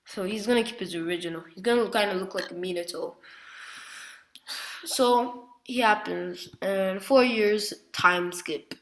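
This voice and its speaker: A woman's voice: medium pitch, unhurried. A woman casually retelling a fan-made story, rambling with lots of fillers and self-corrections. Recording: roomy echo.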